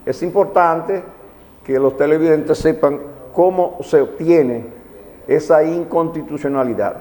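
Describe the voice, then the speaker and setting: A man's voice: on the high side, a little slow, dark tone, slight background noise. A man with a Caribbean Spanish accent from the Dominican Republic explains legal matters didactically on a television programme, repeating his key points. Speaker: magistrate, legal commentator on a TV programme. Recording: reverberant hall-like sound.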